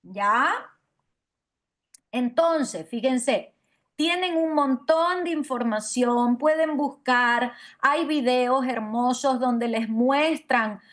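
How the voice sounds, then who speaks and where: Woman, teacher, online phonetics lecture, fairly high voice, unhurried pace, repeats syllables, checks understanding often.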